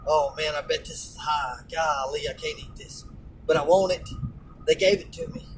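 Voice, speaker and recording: A man's voice: on the high side, normal speed, recorded from a distance, slight background noise, low-quality recording. A man, a truck driver, telling a rambling, colloquial story in a casual rant, often repeating words and restarting sentences.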